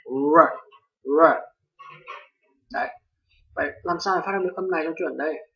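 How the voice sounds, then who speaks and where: A young Vietnamese man with a Vietnamese accent casually teaches English pronunciation in a high-pitched, rapid-fire, creaky voice. He hesitates with many fillers and loudly repeats example words, in a distant lo-fi home recording.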